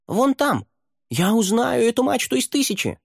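A skinny pirate boy in a leather tricorn, squeals high and loud with excitement. The voice leaps up far above a grown man's range. It is bone-dry and close, read for an audiobook. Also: moderate pace, creaky, no room sound, exaggerated voice. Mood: excited. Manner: excited, shouting. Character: thin shouting pirate boy.

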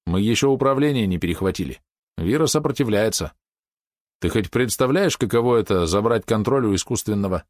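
A calm, wry male hacker, as a man plays him in a storybook reading. He speaks with an unhurried smirk. The recording is dry and close. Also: lowish voice, no echo, lightly acted.

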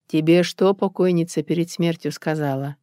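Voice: mid-range voice, steady tone, normal speed, dark tone, no echo, close to an everyday voice. A stern older village mother with a firm, commanding voice, as an audiobook reader puts her on. She insists and does not back down. The sound is close and very dry. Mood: insistent. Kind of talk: audiobook character voice.

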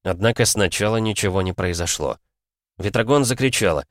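A man reads a fantasy novel aloud with dramatic storytelling flair. His voice is very low and recorded dry and close. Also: lively intonation, fairly quick, no room sound. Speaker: audiobook narrator. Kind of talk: scripted fantasy narration.

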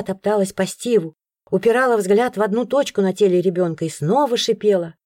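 A woman narrating a first-person audiobook in an expressive storytelling manner. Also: mid-range voice, no room sound, studio quality.

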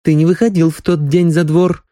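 A man's voice: on the high side, level tone, normal speed, warm tone, no echo, clean studio sound, pitched above the performer's own voice, natural voice. A man voicing an anxious, insistent young woman doctor in an audiobook, pressing her questions. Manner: pleading, pressing.

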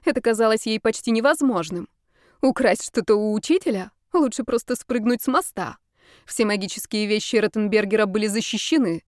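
A woman narrating a fantasy audiobook in a measured, even storytelling manner. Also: a little high, dry recording, clean studio sound.

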